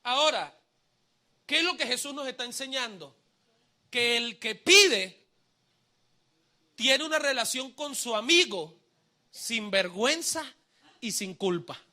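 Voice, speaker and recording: A male pastor preaching a live sermon to a congregation, having them repeat phrases back and shouting the refrains, with humorous asides and sudden swings from hushed to loud. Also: very high-pitched, lively intonation, slow, long pauses. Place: church service before a congregation.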